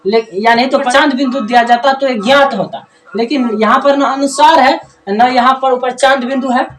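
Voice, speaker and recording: A woman's voice: high voice, fairly even intonation, normal speed. A woman teacher giving a pronunciation lesson. She talks patiently, drills each word with repeats and often checks that the class follows. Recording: echoey room.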